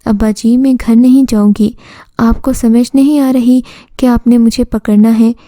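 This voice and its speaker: A woman's voice: a little high, fairly even intonation, unhurried, warm tone, no room sound, natural voice. A woman voicing a greedy, defiant little girl in a storybook tale, reading her lines in an insistent, demanding way. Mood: taunting.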